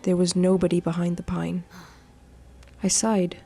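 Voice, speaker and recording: A woman streams a video game with game music playing under her voice, reading the visual novel's story text expressively and tossing in teasing, coarse-mouthed jokes. Her voice is lowish, mellow and slightly rough, with vocal fry, a level tone and a measured pace.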